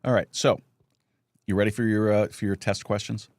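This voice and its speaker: Low-voiced man hosting a casual chat. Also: fairly even intonation, normal speed, darkish tone. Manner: storytelling with lots of restarts and chuckles. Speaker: podcast host.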